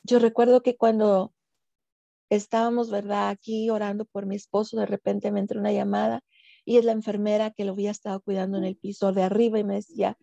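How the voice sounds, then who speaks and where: A woman telling her personal testimony of faith in a halting way, with repeated words and fillers. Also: mid-range voice, flat delivery, creaky, warm tone, dry recording, dull audio. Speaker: guest giving a faith testimony.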